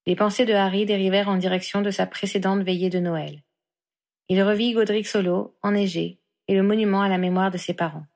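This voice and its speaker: A woman's voice: medium pitch, steady tone, brisk, a little mellow. Woman reading a fan-fiction audiobook. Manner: lightly voices the characters' quoted lines. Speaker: narrator.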